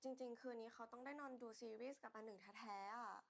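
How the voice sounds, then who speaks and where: A woman's voice: fairly high pitch, fairly even intonation, fast talker, faint music behind. A clingy, pouty young woman. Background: clear drama score.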